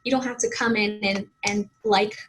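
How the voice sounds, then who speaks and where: A woman with a Boston-area accent talks as a guest on an interview show. She speaks in an open, honest, casual way, full of fillers and restarts. Her pitch sits in the middle range. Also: steady tone, moderate pace, fairly bright tone, rough recording. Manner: open, chatty, many fillers. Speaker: fitness coach guest.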